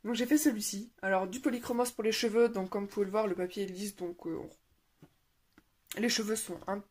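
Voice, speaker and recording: A woman's voice: mid-range voice, steady tone, moderate pace, darkish tone. Chatty young woman with filler-heavy speech. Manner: chatty, many fillers and restarts. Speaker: coloring vlogger. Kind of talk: casual show-and-tell chat. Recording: faint background noise and clicks.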